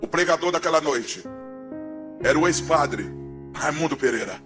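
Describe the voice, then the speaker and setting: A man from Pernambuco, giving a dramatic testimony sermon in a church, swinging between hushed and shouting. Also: a little high, animated, moderate pace, over music. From Pernambuco, Brazil.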